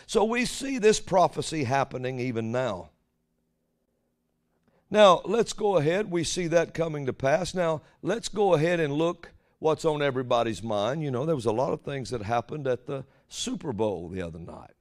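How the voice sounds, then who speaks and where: A male preacher delivers an informal sermon on prophecy. His talk is folksy and rambling, sitting at a medium pitch. He often stops to put a rhetorical question to the people listening before carrying on. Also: very animated, moderate pace, hardly any pauses, a little mellow.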